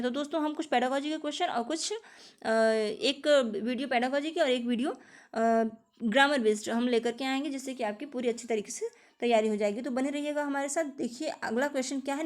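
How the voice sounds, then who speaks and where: High-voiced woman teaching exam prep. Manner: patient and repetitive, often addresses viewers as friends. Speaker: teacher preparing students for teaching exams. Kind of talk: exam-prep lesson explaining answers.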